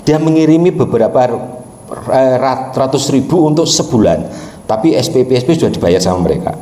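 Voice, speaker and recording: A man's voice: mid-range voice, lively intonation, brisk, dark tone, reverberant. A male pastor telling a story in a sermon and often turning to address the congregation directly.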